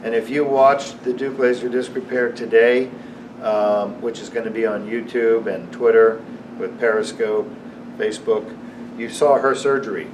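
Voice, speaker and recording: A man's voice: mid-range voice, fairly even intonation, normal speed. Male surgeon, distant mic, noisy room. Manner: explanatory, repeats the answers back. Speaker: surgeon interviewing his patient. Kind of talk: post-operative patient interview to camera.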